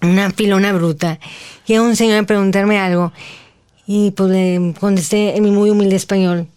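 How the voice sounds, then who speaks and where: A woman in her forties, talking slowly and earnestly as a guest on an interview show. Her words come out carefully, one by one, with a middle-pitched voice. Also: fairly even intonation, a little mellow, smooth. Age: 40s. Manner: slow, deliberate, earnest speech after recovering her voice. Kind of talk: personal storytelling.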